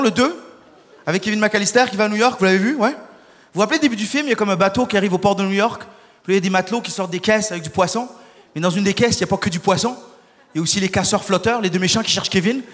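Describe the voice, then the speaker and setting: High, fast stand-up comic. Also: male voice. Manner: energetic, quick, often shouting and doing voices for the crowd. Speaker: stand-up comedian. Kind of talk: stand-up comedy set. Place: large hall on stage before a live audience. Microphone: stage microphone. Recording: live hall recording with long reverb.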